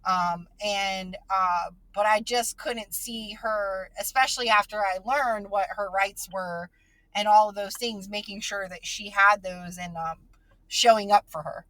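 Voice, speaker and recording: A woman's voice: medium pitch, measured pace, a bit bright, no echo. Earnest woman talking, dry close sound. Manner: earnest and emotional, with many fillers and restarts. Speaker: podcast host and parent. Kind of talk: casual conversation.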